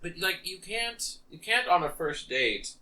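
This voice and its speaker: Bright-voiced man chatting on a podcast. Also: high-pitched, a little slow, rough recording. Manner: chatty, animated when quoting characters. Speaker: podcast co-host. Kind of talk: casual chat.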